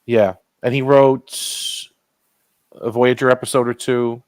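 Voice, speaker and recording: A man's voice: mid-range voice, steady tone, takes it slowly, darkish tone, no room sound. A man co-hosting a casual watch-along chat, laughing easily and chatting loosely. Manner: laughs easily, chatty, looks things up aloud. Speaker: podcast co-host. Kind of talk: casual riff-track banter.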